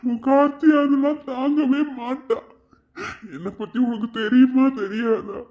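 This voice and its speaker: A man's voice: very high-pitched, steady tone, measured pace, muffled recording. A man voicing a devoted, heartbroken young college man in a cartoon love story, pleading and near tears. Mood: anguished pleading.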